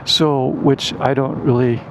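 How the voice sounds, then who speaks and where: A man's voice: medium pitch, fairly even intonation, slow, poor audio. A man chatting casually and thinking aloud as he rides a scooter outdoors, with wind and road noise on the mic. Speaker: motorcycle vlogger riding a scooter. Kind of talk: casual vlog chat while riding. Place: outdoors on a moving scooter, in traffic. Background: wind, engine and traffic noise.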